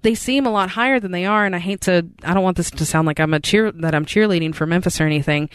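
A man who works as a journalist, co-hosting a local news podcast and explaining stories casually with many pauses and ums. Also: high voice, fairly bright tone, clean tone, no echo, clean studio sound. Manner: hesitant, lots of ums, explanatory. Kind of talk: casual chat.

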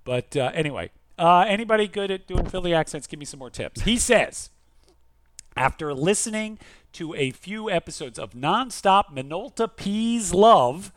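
He has a high, expressive voice and talks at a normal speed while co-hosting a podcast. He reads listener mail and chats in a theatrical, emphatic, joking way, keeping the conversation lively and casual.

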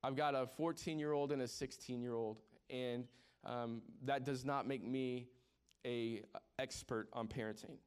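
In a clean, medium-pitched voice with fairly even intonation, a man in his forties preaches unhurriedly as pastor. He jokes with the congregation in a conversational way and frequently repeats words when restarting.

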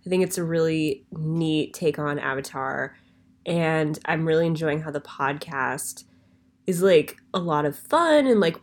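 A woman leaving a voicemail, heard over a phone line, talking in a thoughtful, musing way with frequent ums and trailing phrases. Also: sits low. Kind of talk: recorded listener voicemail.

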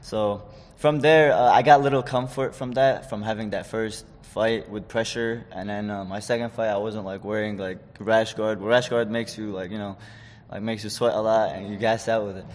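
A man's voice: fairly low pitch, steady tone, moderate pace, hardly any pauses, long reverb tail. A man in his twenties from Chechnya, a fighter talking casually in an interview, rambling with many fillers and restarts. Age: 20s. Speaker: guest, amateur fighter.

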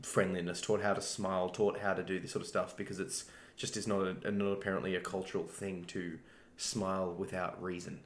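A man's voice: low-pitched, level tone, a little fast, echoey room. A man co-hosting a casual chat, joking and repeating words as he starts sentences. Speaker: co-host.

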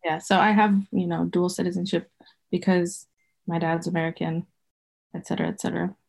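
She speaks a little fast, with vocal fry, a darkish tone, and little pitch movement in a lowish voice. This thirty-something guest, a folk herbalist from Zimbabwe raised in Botswana, chats loosely in a casual podcast interview, laughing and correcting herself often.

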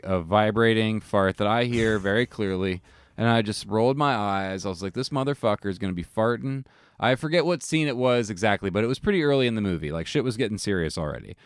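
A young man co-hosting a casual chat, telling animated stories full of fillers and swearing. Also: lowish voice, a little fast, clean tone, no echo. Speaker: podcast co-host.

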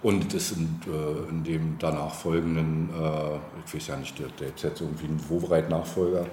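In a roomy, echoing recording with background noise, a man is interviewed as a politician. He talks conversationally, hesitant and wordy as he hunts for words, in a very deep, warm voice with a level tone at normal speed.

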